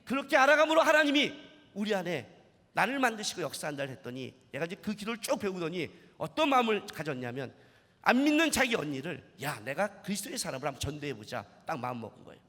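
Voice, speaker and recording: A male pastor giving a lively revival sermon, telling stories and acting out dialogue with sudden shouts. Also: high-pitched, fast. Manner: animated, acts out quoted dialogue, sudden shouts. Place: large church sanctuary. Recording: church hall reverb.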